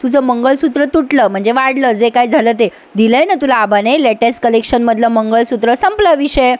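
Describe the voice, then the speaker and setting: A woman's voice: fairly high pitch, fairly quick, darkish tone, lightly acted. A woman voicing an irritated husband who bickers with his wife. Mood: bickering. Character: married man, quick-tempered, teasing husband.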